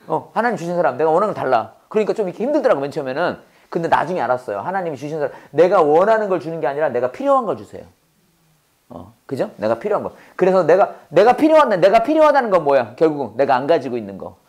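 A man's voice: a little high, very animated, racing, darkish tone. A Korean-speaking man teaching a Bible-based English lesson to a class. He drills phrases with call-and-response and laughs often.

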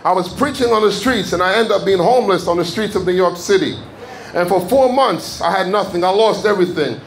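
A high-pitched man from Jamaica delivers a sermon testimony in a church sanctuary. His telling is fervent and climbs into shouted proclamations, with a faint hiss of noise underneath. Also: a little fast, creaky. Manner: fervent, building to shouted declarations. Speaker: guest preacher.

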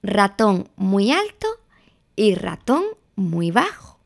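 Woman storyteller; reads to children, very slow and highly animated, a little gravelly. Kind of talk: reading a children's story aloud.

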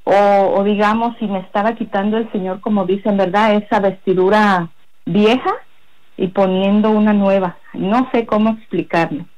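A woman giving a personal religious testimony in a halting, rambling way, full of fillers. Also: mid-range voice, fairly even intonation, a little mellow, lo-fi sound. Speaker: guest giving a faith testimony.

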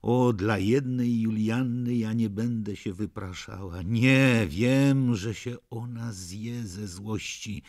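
A man voicing a proud, eager young princess in an audiobook, husky and emphatic, with a slightly raised tone. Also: fairly low pitch, slow pace, hardly any pauses, a little mellow. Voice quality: husky, gravelly. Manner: emphatic, insistent, lifted tone. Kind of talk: audiobook character reading.

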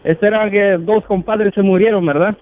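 A man with a high voice telling a joke over a tinny phone line. He stretches out the drunk character's lines. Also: steady tone, moderate pace.

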